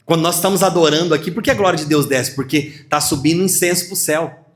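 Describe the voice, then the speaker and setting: A man's voice: fairly high pitch, fast. A man preaching a sermon as pastor, acting out voices and laughing as he teaches. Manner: lively preaching with acted dialogue and laughter.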